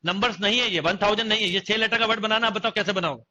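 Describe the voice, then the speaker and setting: This young man teaches a maths class in an online coaching lecture, speaking fast and high-pitched with a sharp tone. He often quizzes his students and repeats key phrases. The lo-fi class recording sounds dull.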